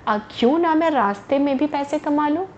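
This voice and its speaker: A woman voicing a shrewd, money-minded village merchant man, calling out loud and drawn-out in a storybook tale. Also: high voice, dull audio, slight background noise, voice pushed up, lightly acted. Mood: scheming.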